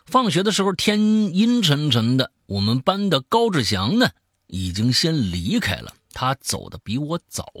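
A man who hosts a show, telling a scary story in the first person, swinging from hushed to loud. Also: medium pitch, very animated, moderate pace, husky, dry recording, clean studio sound. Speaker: host reading a listener's story.

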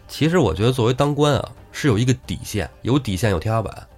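A man's voice: mid-range voice, fast talker, breathy edge, faint music behind. A man co-hosting a podcast, retelling a classic novel in a casual, joking storyteller's way. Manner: lively, storytelling, jokey. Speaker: podcast co-host.

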